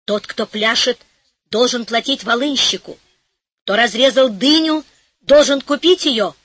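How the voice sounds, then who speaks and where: A woman's voice: high-pitched, expressive, a bit bright, no room sound, exaggerated voice. A woman reading an audiobook, voicing a fiery young man who is hot-tempered and lovesick and rants in heaps of words. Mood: indignant. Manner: rapid indignant ranting, emphatic word piling.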